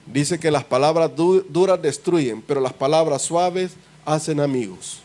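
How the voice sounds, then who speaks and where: A man's voice: a little high, a little slow, darkish tone, a little hiss or hum. A man, a pastor preaching a sermon in a church, speaking emphatically to his congregation and posing rhetorical questions. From El Salvador.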